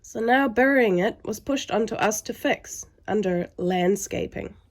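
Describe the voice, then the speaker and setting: A woman's voice: medium pitch, measured pace. A woman sounding under the weather and weary, narrating a scripted vlog with frustration.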